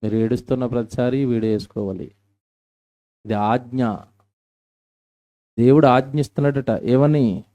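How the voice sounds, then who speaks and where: A man's voice: mid-range voice, steady tone, moderate pace, pauses often, mellow. A man preaching a live-recorded church sermon, asking the congregation questions and reading scripture with emphasis. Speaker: pastor. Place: church hall.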